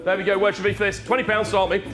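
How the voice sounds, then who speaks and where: A man auctioneering, his voice pitched high for a male. He repeats figures in a rhythmic, rolling bid patter, with music clearly playing behind him. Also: level tone, very fast, a bit bright. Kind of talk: fine art auctioneer calling rapid repeated bids. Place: auction room. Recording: background music under the voice.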